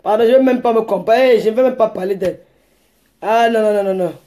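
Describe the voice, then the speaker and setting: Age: 40s. Sex: woman. Pitch: high. Style: combative live-stream rant. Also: brisk, a little hiss or hum. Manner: combative, insulting, rambling, bursts into shouting.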